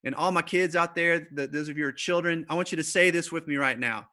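A man preaching a conversational sermon, speaking to the congregation and the children watching online, with fillers and repeated starts, slowing down for emphasis. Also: a little high, bright, forceful tone. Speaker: pastor. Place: church service streamed online.

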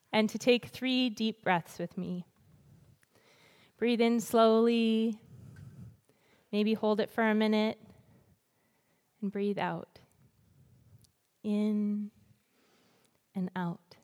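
Calm woman leading slow breathing, reverberant hall. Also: mid-range voice. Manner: calm, slow, soothing, with deliberate pauses. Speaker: guest church speaker. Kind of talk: gentle guided breathing and reflection before a sermon. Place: large church hall, speaking to a congregation.

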